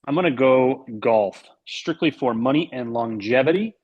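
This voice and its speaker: A man's voice: mid-range voice, animated, normal speed, husky, lo-fi sound. A man in his thirties chatting casually as a podcast guest, joking and rambling through anecdotes. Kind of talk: casual sports chat, anecdotes.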